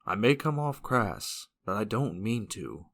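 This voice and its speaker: Here the same blunt, earnest hero, grieving and naive about people, is voiced with a lowish, somewhat bright tone, heavily acted and very animated yet measured in pace. His speech stays formal and literal, weighty with sincerity, the intonation ranging widely. It all feels sombre and earnest.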